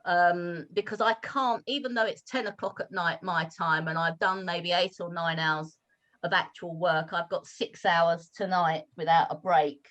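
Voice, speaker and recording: A woman's voice: lowish voice, fairly even intonation, measured pace, a bit bright. Chatty British woman on a video call. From United Kingdom. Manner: candid, chatty, with hesitant restarts. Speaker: guest teacher. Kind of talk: casual online talk.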